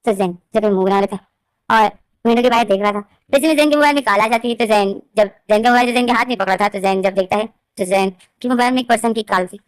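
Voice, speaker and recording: A woman's voice: medium pitch, fast, clean tone, dry recording. A woman casually narrating her own fan fiction story in a repetitive, conversational way.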